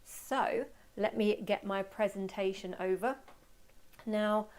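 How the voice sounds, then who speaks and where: British woman, informal webinar presenter, mid pitch, chatty, mildly hoarse voice that is giving out. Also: steady tone, takes it slowly, a little mellow. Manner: chatty, informal, self-deprecating. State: voice giving out, slightly hoarse after a workshop. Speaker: webinar host and photography teacher. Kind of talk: casual webinar talk.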